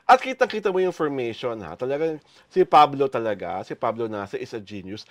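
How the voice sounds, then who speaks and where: A man's voice: mid-range voice, sing-song, fairly quick, dry recording. A man hosting a showbiz talk show, chatting casually in a gushing, playful way as he heaps praise. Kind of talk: casual showbiz chat in Taglish.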